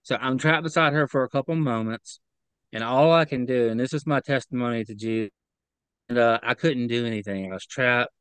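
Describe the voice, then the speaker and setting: A rough recording without room sound captures a man's mid-range, fairly bright, clean voice. He's a remote interview guest giving earnest testimony, halting and repeating words as he becomes upset.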